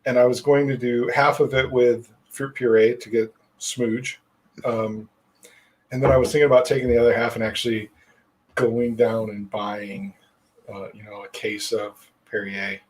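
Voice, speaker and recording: A man's voice: mid-range voice, flat delivery, normal speed, rough recording. A man hosting a podcast, rambling in casual chat with lots of fillers and casual swearing. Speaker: podcast host.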